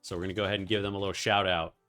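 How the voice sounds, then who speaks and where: A man streaming and casting an esports match, giving away codes and calling the plays with excitable play-by-play. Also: low voice, very fast, soft background music. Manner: excitable play-by-play, rising to shouts. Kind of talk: live game commentary.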